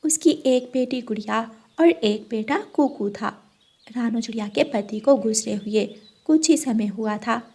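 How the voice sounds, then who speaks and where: A woman narrating a children's cartoon story in an even, slow storytelling manner. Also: a little high. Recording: loud rain and thunder sound effects behind.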